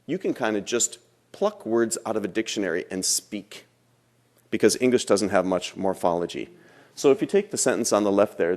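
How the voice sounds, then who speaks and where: A man with a lowish, darkish-toned voice gives a classroom lecture as a language teacher. He works through the material step by step, repeating phrases for emphasis.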